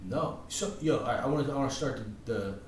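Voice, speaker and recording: A man's voice: mid-range voice, fast. A young man co-hosting a podcast, chatting loosely about sports with plenty of swearing and restarts. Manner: loose, profane, restarts often. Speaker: podcast co-host. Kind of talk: casual sports chat. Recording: echoey room from far off, noisy.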